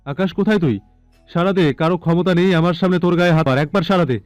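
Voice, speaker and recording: A man's voice: mid-range voice, normal speed, no room sound, soft background music, close to an everyday voice. A man playing a frantic, desperate young man. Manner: shouting, desperate, urgent. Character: frantic young man searching for his friend. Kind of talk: audio drama acting.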